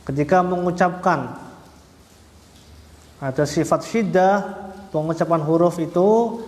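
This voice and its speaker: A man teaching Arabic letter pronunciation, slowly and patiently, repeating each point and sounding out the letters syllable by syllable. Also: fairly high pitch, darkish tone. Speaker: Quran recitation teacher. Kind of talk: religious lesson. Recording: echoey hall, roomy reverb.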